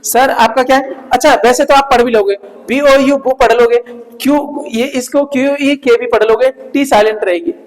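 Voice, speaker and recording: High-pitched male teacher, reverberant hall. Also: fairly even intonation, normal speed. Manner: repeats words and checks with "ठीक है ना?". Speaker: English vocabulary teacher. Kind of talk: Hindi-English vocabulary lesson.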